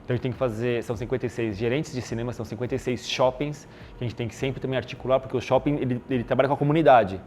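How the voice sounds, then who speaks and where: A man's voice: mid-range voice, racing, few pauses, slight background noise. A man with a Brazilian Portuguese accent, a podcast guest talking casually about his marketing job, with lots of fillers. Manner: relaxed, explanatory, lots of fillers.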